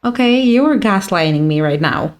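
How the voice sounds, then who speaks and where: Sassy, animated woman gamer. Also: medium pitch, moderate pace. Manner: playful, sassy, mock-dramatic talking to the game. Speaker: gaming streamer. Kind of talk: let's play commentary.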